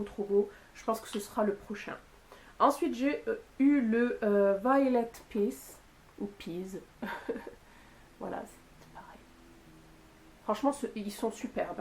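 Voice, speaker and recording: A woman vlogger chatting casually to camera about makeup she bought, with lots of fillers and pauses. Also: medium pitch, slight background noise. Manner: chatty, with frequent fillers and "voilà". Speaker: beauty youtuber. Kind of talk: casual product haul talk to camera.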